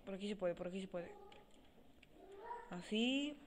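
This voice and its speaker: With a high voice and an unhurried pace, a gaming channel host narrates his gameplay in let's play style, excitable and often swearing while muttering to himself. Recorded on a cheap desk mic lacking a stand, he comes through quietly over slight background noise.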